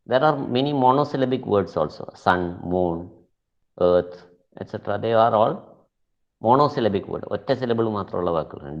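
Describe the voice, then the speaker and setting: A male teacher leads an online lesson at a very slow, careful pace, dragging out words to show how they sound. His low voice carries a gravelly fry. The audio is dull and lo-fi, like a class sent over a weak network. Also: darkish tone. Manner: deliberate, repeats words slowly for pronunciation; switches between English and Malayalam. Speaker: English teacher.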